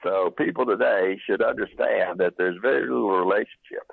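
A man's voice: fairly low pitch, normal speed, vocal fry, no room sound. A man, a pastor guesting on a call-in radio show, telling stories emphatically with some uh fillers, heard over the phone. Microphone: telephone. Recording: tinny phone line.

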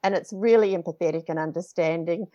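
A woman's voice: lowish voice, quick pace, mellow. Woman, podcast interviewer, casual and chatty, encouraging, informal, slightly muffled lo-fi recording.

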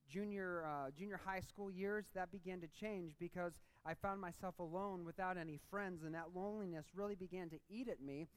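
A man preaching a sermon with passion and repeated phrases, then telling a personal story in a relaxed, chatty way. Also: high voice, low-quality recording. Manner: impassioned preaching that turns into casual storytelling; repeats phrases for emphasis, rising and dropping in force. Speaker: pastor.

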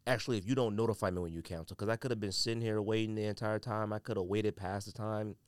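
Talking fast in a fairly low, steady voice, a Californian man hosts a solo podcast about sneakers, using lots of slang in a relaxed, informal way. The sound is clean with no room sound.

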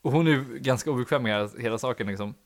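Young male podcast host, rambling anecdote, fillers galore, mid-range voice. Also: mid-range voice. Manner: rambling, filler-heavy, laughs at own story. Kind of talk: casual anecdote telling.

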